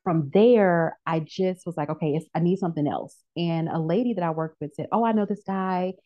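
A woman in her thirties, a podcast guest telling her career story in a casual chat, lively and acting out the voices of people she quotes. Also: low-pitched, a little fast. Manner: animated storyteller who acts out quoted voices. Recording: dull lo-fi audio.

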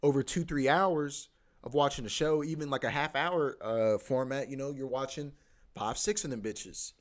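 A young podcast host delivers a casual, rambling monologue, loose and profane, packed with filler like "bro" and "you know what I mean." He repeats himself and often restarts. His voice is medium-pitched at a moderate pace.

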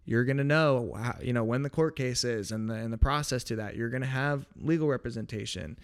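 A man's voice: medium pitch, fairly quick. A man co-hosting a podcast, explaining legal ideas in a loose, rambling casual chat with restarts and jokey asides. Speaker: podcast co-host.

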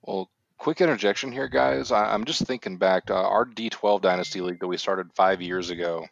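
A man's voice: sits low, fairly quick, creaky. A man co-hosting a podcast, chatting casually with a hesitant, filler-laden way of talking. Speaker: co-host. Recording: dry, slightly dull lo-fi sound.

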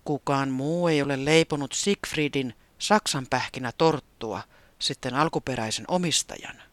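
A narrator voices an ancient manor spirit in a storybook, speaking low, slowly and softly, close to a whisper. The voice swings little, and the recording is dry. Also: no room sound, natural voice. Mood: solemn. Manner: low, soft, slow and half-whispered.

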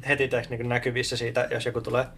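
A man's voice: medium pitch, completely flat delivery, a bit bright, a little hiss or hum. A man playing a tabletop role-playing game, describing his character's moves casually with lots of hesitant fillers. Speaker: player.

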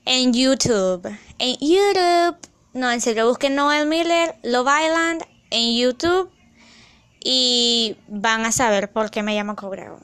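A young woman chatting in a casual vlog, excitable and rambling, loud at times and slipping into English phrases. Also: fairly high pitch, slow pace, smooth. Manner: loud, near shouting at times. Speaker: vlogger.

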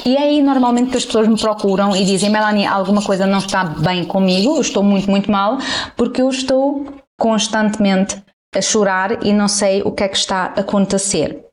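A woman psychologist with a European Portuguese accent, calmly explaining and reassuring as a guest on a radio show. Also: medium pitch.

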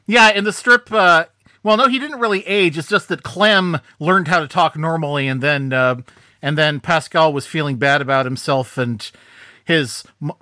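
A man co-hosting a podcast, chatting casually and telling stories in an animated, joking way. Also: fairly high pitch, moderate pace, no echo, studio quality. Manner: animated, jokey storyteller. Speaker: podcast co-host. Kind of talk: casual chat.

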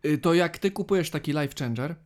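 A man's voice: on the high side, fairly quick, a little mellow. A man co-hosting a podcast, ranting sarcastically in mock outrage during a casual chat. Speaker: podcast co-host.

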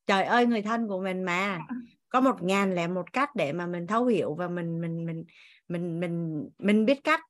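A woman's voice: fairly low pitch, normal speed. A woman teacher leading an online class, speaking to the group as family, on a video call.

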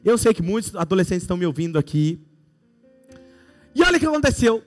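A man's voice: high voice, very animated, quick pace, soft background music. A man with a Brazilian Portuguese accent preaching a sermon, telling playful stories and acting out imagined scenes.

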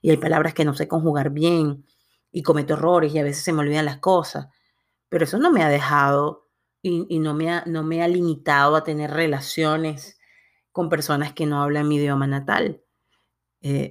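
A young Latin American woman with a Latin American accent, giving an earnest motivational talk with hesitant fillers and restarts. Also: fairly low pitch. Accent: Latin American Spanish. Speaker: motivational speaker.

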